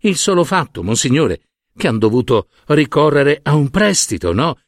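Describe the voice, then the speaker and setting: A man's voice: on the high side, big pitch swings, moderate pace, no room sound. A man voicing a timid, inexperienced young cleric who speaks hesitantly and earnestly. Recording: dry close studio sound.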